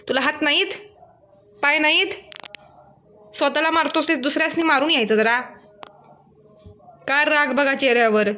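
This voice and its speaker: A woman's voice: sits high, a bit bright, a little hiss or hum. A woman talking affectionately to her pet cat at home, teasing and coaxing it. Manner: teasing, coaxing, laughs often. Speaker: pet vlogger.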